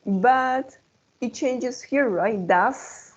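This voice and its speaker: Slow careful lady english teacher on a video call, explains in too, dull lo-fi sound. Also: on the high side, darkish tone. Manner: patient, models words and switches into Spanish to explain. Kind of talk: online class instruction.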